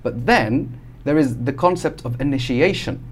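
A man's voice: mid-range voice, normal speed, slightly rough. Male podcast guest from Algeria, explanatory, casual, frequent restarts. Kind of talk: casual conversation.

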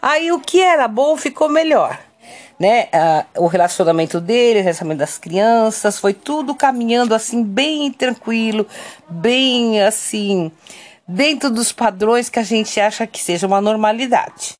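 A woman with a Brazilian Portuguese accent telling a family story in a casual, unhurried way, often checking in with tag questions. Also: on the high side, expressive. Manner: unhurried, keeps adding "né?" tags.

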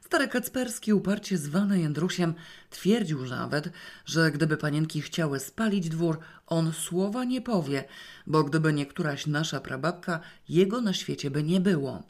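A woman reading a first-person novel aloud in a wry, lively storytelling manner. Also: deep voice, moderate pace. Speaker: audiobook reader. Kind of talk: first-person literary narration.

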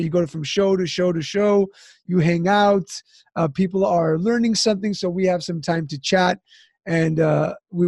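A man's voice: a little high, vocal fry, a little mellow, husky, dry recording. A male podcast host talking in an upbeat, salesy way and often tagging lines with "right?". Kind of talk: casual podcast talk with ad read.

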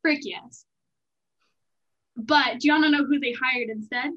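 A woman's voice: high-pitched, measured pace, dull audio. A young woman in a casual hockey chat, opinionated and explaining at length.

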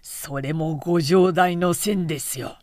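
Woman doing a rasping indignant samurai. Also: on the high side, measured pace, a little mellow, dry recording, clean studio sound, close to an everyday voice. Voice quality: very hoarse, rasping. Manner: earnest, insistent. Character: hoarse-voiced male samurai retainer, indignant.

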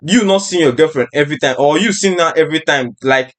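Young Nigerian man hosting, slightly high voice. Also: fast talker, a bit bright. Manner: slangy, informal. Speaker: podcast host. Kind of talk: casual podcast chat.

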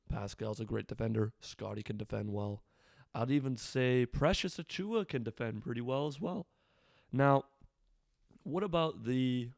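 A man's voice: mid-range voice, a little mellow, dry recording, studio quality. Casual man with a slightly weathered voice. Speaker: sports fan commentator. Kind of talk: casual solo sports commentary.

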